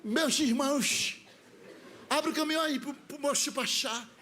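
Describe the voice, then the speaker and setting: Toothless old prophet, put on by a male preacher: high, solemn, drawn-out suspenseful pronouncements. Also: sharp tone, slight background noise, exaggerated voice. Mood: solemn prophetic.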